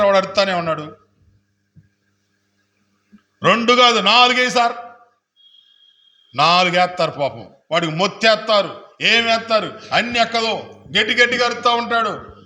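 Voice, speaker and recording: A man preaching as a pastor, questioning the congregation and building to loud calls for hallelujah. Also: high-pitched. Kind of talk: sermon.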